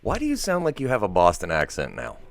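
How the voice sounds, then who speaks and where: A man's voice: low voice, huge pitch swings, fast talker. A man hosting a podcast, asking teasing questions and laughing often in casual chat. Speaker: podcast host.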